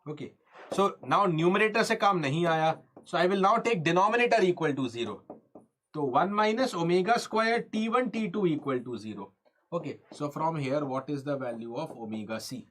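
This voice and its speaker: A man's voice: fairly high pitch, fairly bright tone. A man with a North Indian accent lecturing in a live online class, repeating key phrases, putting questions to students and slipping Hindi into his English. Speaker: engineering exam lecturer. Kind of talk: live online lesson, explaining step by step.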